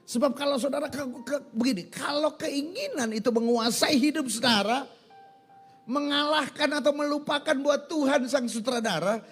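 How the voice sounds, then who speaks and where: A male pastor preaching a sermon in a church, animated, asking the congregation questions and answering them himself. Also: very high-pitched, normal speed, faint music behind.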